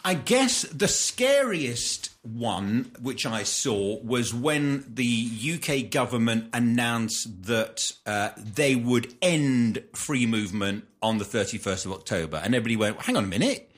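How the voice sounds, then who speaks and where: A man's voice: mid-range voice, lively intonation, a little slow, few pauses. Chatty man with short agreeing replies. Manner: conversational, frequent short agreement. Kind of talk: casual conversation.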